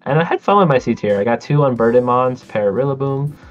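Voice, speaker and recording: A man co-hosting a casual podcast, talking in a relaxed way with many ums and easy laughs. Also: medium pitch, quick pace, highs cut off, soft background music. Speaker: podcast co-host. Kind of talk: casual chat.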